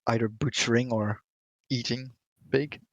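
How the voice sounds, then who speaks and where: A man's voice: medium pitch, steady tone, measured pace, dry recording, muffled recording. A man playing a tabletop game, talking casually as one of the players.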